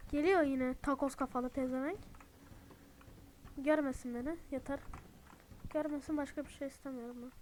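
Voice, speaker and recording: A young woman streaming a horror game, swearing a lot, yelling in panic at the enemies and then whispering pleas not to be seen. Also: high-pitched, steady tone, normal speed, pauses often. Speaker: gaming streamer. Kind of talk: horror game let's play commentary. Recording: faint background noise.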